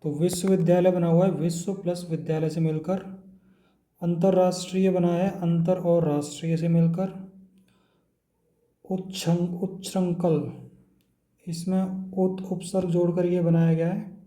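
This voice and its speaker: Roomy, dark-toned male teacher drilling spelling. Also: high voice, unhurried. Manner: steady, drilling word by word. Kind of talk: exam-prep lesson.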